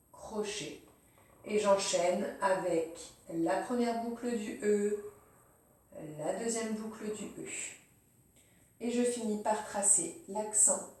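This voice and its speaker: A woman teacher explains handwriting slowly and evenly, naming each pen stroke as she makes it. Her voice is mellow and low in brightness. She sits back from the microphone in a very echoey room. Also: recorded from a distance. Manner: calm, step-by-step, narrating each pen stroke. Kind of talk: slow handwriting demonstration. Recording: very roomy, voice off-mic.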